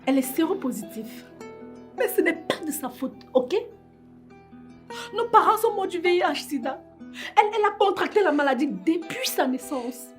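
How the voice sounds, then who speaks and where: A woman's voice: extremely high pitch, animated, moderate pace, soft background music. A woman with a Cameroonian French accent playing a distraught young woman, tearful and pleading, in a web-series drama. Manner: tearful, pleading, breaking into sobs.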